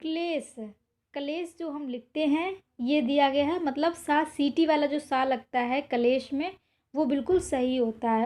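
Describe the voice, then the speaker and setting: A woman teaching an exam-prep spelling lesson, who slowly repeats each word and keeps reminding her students to remember it. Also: high-pitched, darkish tone. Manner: repetitive, drawn-out spelling of words.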